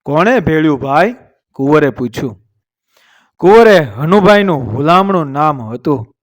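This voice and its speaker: A man narrating an old folk tale, reading the characters' lines dramatically. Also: on the high side. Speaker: storyteller.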